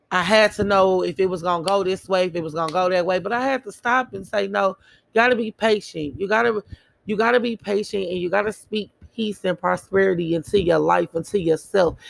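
A woman's voice: medium pitch, vocal fry, no room sound. A woman giving a casual motivational monologue in an earnest, emphatic way, repeating phrases for emphasis. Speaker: motivational speaker.

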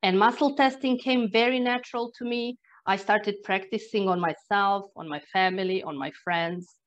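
On dull, lo-fi audio, a guest energy therapist from Croatia talks through personal stories in conversation, in accented, non-native English. Her mid-range voice keeps a moderate pace, and her earnest, reflective delivery includes sighs and restarts.

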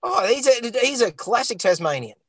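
A man co-hosting a podcast in casual, jokey chat. His voice sounds thin and tinny with no bass, as if it is coming through a device without headphones. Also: very animated, fairly bright tone, dry recording, studio quality. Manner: jokey, quick with puns. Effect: thin tinny sound with no bass after his headphones died. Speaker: podcast co-host. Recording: tinny, far from the mic.

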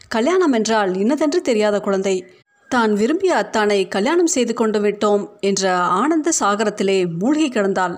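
A woman narrating a short story in a measured, steady storytelling voice. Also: mid-range voice. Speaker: story reader.

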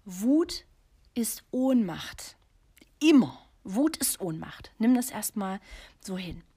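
A woman's voice: medium pitch, sing-song, slow pace, warm tone, husky. A middle-aged woman hosting a podcast for mothers, telling a painful personal story to the listener in an intimate, confessional way that often drops to a near whisper. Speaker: podcast host and coach for mothers.

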